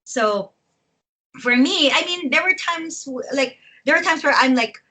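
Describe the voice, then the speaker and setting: A woman's voice: high voice, animated, a little slow, sharp tone, rough recording. A woman in her forties from the Philippines, a wrestler chatting as an interview guest and laughing often between phrases. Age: 40s. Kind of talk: casual interview chat.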